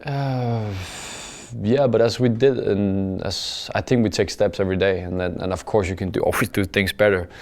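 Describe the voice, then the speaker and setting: A male footballer with a low, flat voice gives post-match interview answers. He's halting, repeating words often and saying "uh" a lot, plain and measured, with phrases trailing off softly at the ends.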